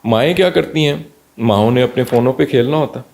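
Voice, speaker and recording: Doctor guy, gravelly voice, animated, throws in english bits. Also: mid-range voice. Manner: animated, slips into Punjabi and English phrases. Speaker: pediatrician guest. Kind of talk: conversational explanation.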